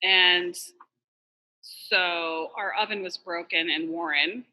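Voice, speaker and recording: A woman's voice: lowish voice, fairly even intonation, slow pace, dull audio. A woman from Massachusetts, a restaurant co-owner, talking candidly in a casual interview with lots of "like" and "you know". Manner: chatty, candid, fillers like "like" and "you know", swears.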